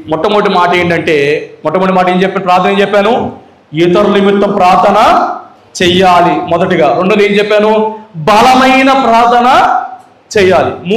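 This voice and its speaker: A man delivers a sermon in a high, ringing voice. He questions his listeners and repeats key phrases with swelling emphasis. The sound carries the echo of a big church hall. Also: a bit bright. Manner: preaching with rhetorical questions to the congregation. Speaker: pastor.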